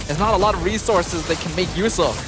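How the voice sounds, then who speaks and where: A man giving analytical esports commentary in a measured, articulate way. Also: high voice. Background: game music.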